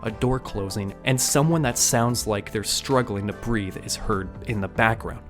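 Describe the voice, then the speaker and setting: A man who hosts and narrates YouTube videos delivers a scripted breakdown with some casual touches, recorded as a voice-over with music underneath. His voice sits on the low side at a moderate pace.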